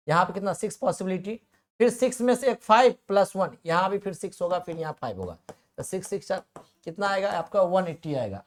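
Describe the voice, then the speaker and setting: In a classroom, a male coaching teacher with a high-sitting voice lectures on math. His style is repetitive and coaxing, and he keeps putting questions to the class only to answer them himself.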